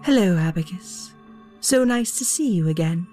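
A woman voicing a kind, patient fairy who gently reassures her friend. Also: on the low side, animated, moderate pace, soft background music, close to an everyday voice. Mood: gentle.

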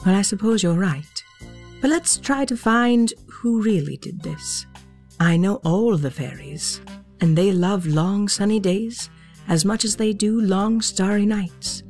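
A woman voicing a kind, patient fairy who gently reassures her friend. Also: medium pitch, unhurried, faint music behind, natural voice. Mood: gentle.

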